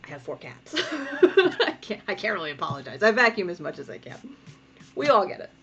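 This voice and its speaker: Very animated and brisk, this medium-pitched woman leads a draw-along from home, with music playing under a muffled recording. The cartoonist keeps things casual, chatting and giggling, and often stops to scold her cats.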